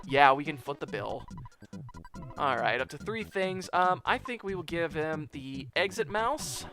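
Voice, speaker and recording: A man hosts a let's play in a fairly high voice with lively, swinging intonation. He rambles casually to viewers over faint background music. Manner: rambling, chatty, addresses viewers as guys. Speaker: gameplay video host.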